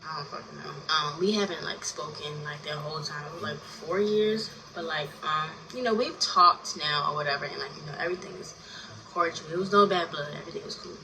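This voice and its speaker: A woman's voice: low-pitched, fairly quick, music in the background. A woman of twenty telling a personal story in a casual vlog, rambling and chatty with constant fillers and casual swearing. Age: 20s. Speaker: story time vlogger. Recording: distant mic with noisy background.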